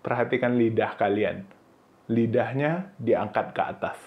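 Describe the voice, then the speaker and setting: The audio is muffled in this pronunciation lesson video, where a man casually explains how to say Mandarin sounds. He drags syllables out in high bursts and often says "nah" and "oke."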